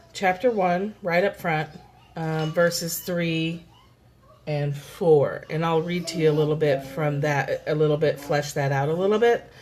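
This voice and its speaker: Her voice sits on the low side as she streams live from home on a phone, children in the background. In a relaxed, leisurely manner she reads a daily spiritual text aloud, talks it through, and says hello to viewers by name.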